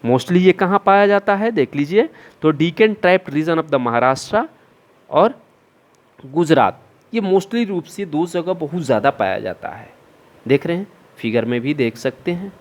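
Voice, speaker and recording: Middle-aged male teacher, fairly high voice, lecture delivery that quizzes and answers itself. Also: lively intonation, measured pace. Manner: asks and answers his own questions, mixing in English terms. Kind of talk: classroom lecture.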